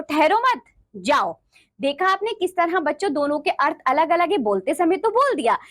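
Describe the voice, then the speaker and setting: Woman schoolteacher, bright high voice with wide swings, patient explaining tone for young pupils. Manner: addresses pupils as children often, explains with examples. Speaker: Hindi grammar teacher. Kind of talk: classroom lesson for children.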